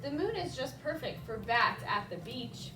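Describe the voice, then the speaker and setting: A children's librarian with a high voice reads a rhyming picture book aloud at story time, at a normal speed, expressively asking her young listeners simple questions and adding asides. The sound is roomy and echoey from a distant mic, with music behind her and a little hiss or hum.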